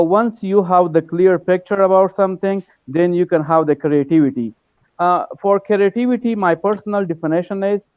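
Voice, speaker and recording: A man's voice: sits high, clear, resonant tone, no echo. Earnest polite man on a dull call. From Afghanistan. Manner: earnest, polite, halting with many fillers. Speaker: university lecturer, class participant. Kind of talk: casual online conversation. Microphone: video call. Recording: dull, dry online call audio.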